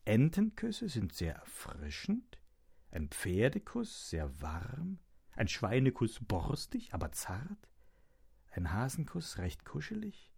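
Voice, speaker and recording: A man's voice: medium pitch, wildly swooping pitch, takes it slowly, vocal fry, husky, exaggerated voice. A man voicing a sweet, eager little puppy boy in a storybook reading. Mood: content. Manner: bright childlike pleading.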